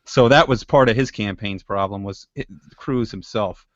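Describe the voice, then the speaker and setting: A man's voice: fairly low pitch, moderate pace, dry recording. A man co-hosting a podcast interview, speaking bluntly and with strong opinions. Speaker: podcast co-host. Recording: dull lo-fi dry sound.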